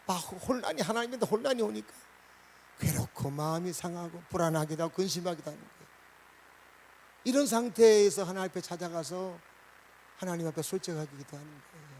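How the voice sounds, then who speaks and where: A man preaching a Sunday sermon as pastor, asking the congregation questions and swinging between loud and soft. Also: fairly high pitch, slight background noise, rough recording.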